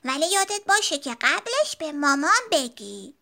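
A woman's voice: high voice, very animated, creaky, bright, forceful tone, full character voice. Lady voicing a cocky little boy bear cub, teasing big brother, storybook style. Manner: confident and teasing.

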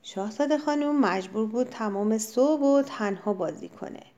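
High-voiced woman reading a children's story. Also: mellow, lo-fi sound. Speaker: narrator. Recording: faint background music.

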